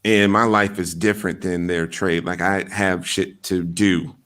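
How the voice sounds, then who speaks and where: A man's voice: deep voice, flat delivery, unhurried, fairly bright tone. A man hosting a podcast in a loose, blunt casual chat, full of fillers and swearing. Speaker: podcast host.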